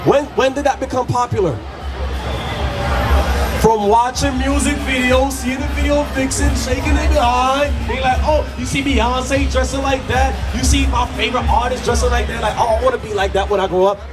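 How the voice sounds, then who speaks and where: A man from Jamaica preaches on a city street in a fairly high voice, lecturing and firing questions, often raising it to a shout. Music and a loud crowd carry on around him outdoors. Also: fairly even intonation, normal speed.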